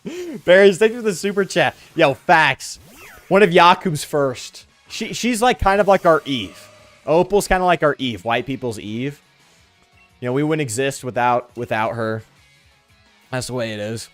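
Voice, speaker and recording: Frat bro dude streaming a game, super animated, dry close mic, bit of music behind. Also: male voice, a little high, moderate pace. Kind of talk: casual livestream chat over gameplay.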